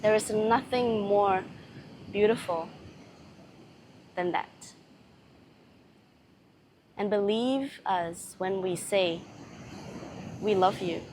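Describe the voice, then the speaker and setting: A woman voicing a serene, loving goddess in a channelled spiritual message, speaking solemnly with long pauses between short phrases. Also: medium pitch, background noise, lightly acted. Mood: loving, reverent.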